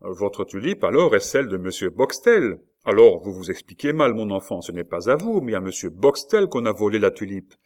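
A fussy, frail older official exclaims and lectures with self-important pomp, as a man reads him in a storybook. The voice sits low and carries a proud, prim edge. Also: big pitch swings, normal speed, hardly any pauses, a little mellow. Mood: pompous. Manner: pompous, exclaiming.

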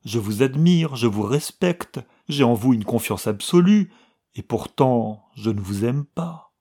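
A man reading the part of a grieving, tearful young woman, in a husky, slow, pleading way. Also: medium pitch, expressive, warm tone. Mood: sorrowful. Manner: pleading, sorrowful, slow delivery.

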